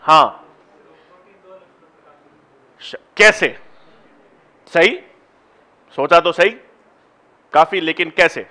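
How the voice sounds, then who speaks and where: Teacher, male, high bright voice, coaxes students to try answers in a classroom. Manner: coaxing, encouraging students to answer; slow, deliberate when explaining steps. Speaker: biology teacher. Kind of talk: classroom lecture with student questions.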